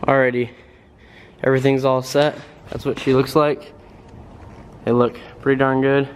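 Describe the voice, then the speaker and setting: A man's voice: medium pitch, flat delivery, moderate pace, a little hiss or hum, low-quality recording. A young man casually talking through his car work in a rambling, laid-back way with lots of fillers. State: out of breath. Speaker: car vlogger. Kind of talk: casual garage vlog. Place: garage by a car, then outdoors in wind.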